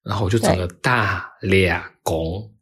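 A man in his thirties co-hosts a casual chat podcast, with a low voice and a husky edge. He tells a long story in a rambling way and keeps restarting his sentences. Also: a little slow, a bit bright. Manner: rambling, many restarts and fillers. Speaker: podcast co-host.

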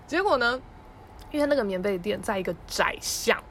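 A woman's voice: medium pitch, animated, normal speed, a bit bright, slight background noise. A young woman with a Taiwanese Mandarin accent tells family stories in a casual podcast monologue. She acts out her relatives' voices and laughs often. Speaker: podcast host.

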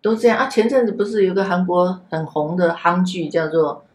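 A woman, an after-school center director, telling a story gently and vividly in a casual podcast chat. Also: fairly low pitch, a little fast. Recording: echoey room.

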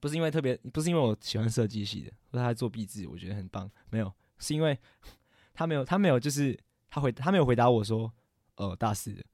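A man's voice: medium pitch, expressive, fast talker, a little mellow, no echo, clean studio sound. A young man, a podcast co-host telling a story in casual chat, rambling and often correcting himself. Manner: rambling, stammering, frequent self-corrections.

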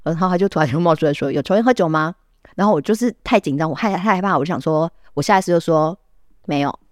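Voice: mid-range voice, racing, dry recording, studio quality. Chatty Taiwanese Mandarin podcast storyteller. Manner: animated storyteller, laughs often, many "then" restarts; quotes others in acted voices. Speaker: podcast co-host. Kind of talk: casual storytelling chat.

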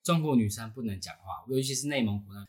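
A man's voice: mid-range voice, expressive, fast talker, a crowd in the background. A man with a Taiwanese Mandarin accent, co-hosting a podcast in casual chat, with a blunt, colloquial way of talking. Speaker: podcast co-host and pronunciation teacher.

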